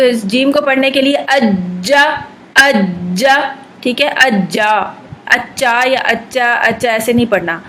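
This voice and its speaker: Woman recitation teacher, higher voice, patient explainer, faint hiss behind. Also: fairly bright tone, low-quality recording. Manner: patient, explanatory, slow drawn-out model syllables.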